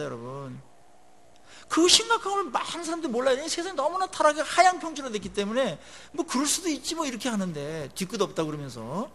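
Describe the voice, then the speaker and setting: A male pastor delivers a sermon with a high, very lively voice that climbs on emphatic points and sinks low at phrase ends. His tone has a gravelly edge, and he often turns to the congregation with questions. Faint room ambience hangs behind him. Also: a little hiss or hum. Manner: conversational preaching with rhetorical questions to the congregation; swings between rising emphatic peaks and low dropped phrase endings.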